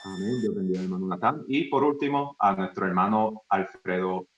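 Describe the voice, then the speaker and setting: A man's voice: deep voice, fairly quick. A man moderating a church livestream, with formal, blessing-filled announcements over a video call. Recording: echoey, dull lo-fi sound.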